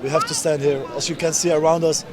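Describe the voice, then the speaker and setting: A fast-talking man in his twenties from the Netherlands, with a voice on the high side and a flat delivery, is interviewed at a street protest. He presses his points earnestly and emphatically in short, insistent phrases, recorded outdoors with a loud crowd of protesters.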